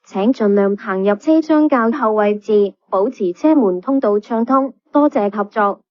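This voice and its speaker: A woman reading calm, formal bus announcements played over a PA system. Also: medium pitch, measured pace. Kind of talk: scripted public announcement. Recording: dull lo-fi PA playback.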